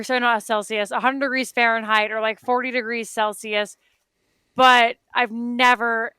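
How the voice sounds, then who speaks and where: Bright, crisp-voiced young woman from Phoenix. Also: a little high, no echo. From Phoenix, Arizona, United States. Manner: swears casually, stammers and repeats words. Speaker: co-host. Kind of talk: casual reaction chat.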